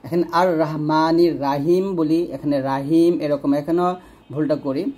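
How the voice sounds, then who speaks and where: A man teaching correct Quran recitation in a lesson, explaining each sound step by step and slowly drawing out the recited words. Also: on the high side, steady tone, dark tone.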